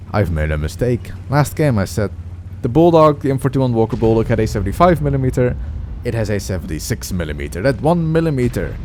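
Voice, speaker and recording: A man's voice: mid-range voice, a little mellow, a little hiss or hum. A man commentating over his own gameplay in a casual, rambling way, often stopping to correct himself. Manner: rambling, self-correcting, chatty.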